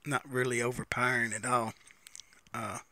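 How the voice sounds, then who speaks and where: A man with a bright, forward voice and a very dry, close sound talks casually through a review. He is folksy and unhurried in his musing, repeating phrases and smoking a pipe as he goes. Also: medium pitch, flat delivery, no echo. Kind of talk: casual unscripted review chat.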